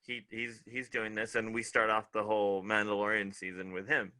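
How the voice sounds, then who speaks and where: Bright-voiced man chatting casually. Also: lowish voice, moderate pace. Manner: relaxed, trailing off mid-thought. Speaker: podcast co-host. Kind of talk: casual review chat.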